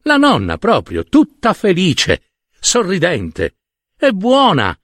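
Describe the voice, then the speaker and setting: A man reads a fairy tale aloud in a dramatic, expressive storytelling manner. He takes his time, and his pitch rises and falls widely with each phrase. The recording is dry and close, with no room sound. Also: takes it slowly, no room sound. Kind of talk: scripted fairy tale narration.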